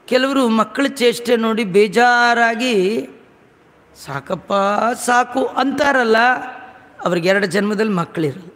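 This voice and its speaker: A man giving a religious discourse, slowly chanting verses and explaining them with homely humor. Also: very high voice, fairly bright tone, in a large hall.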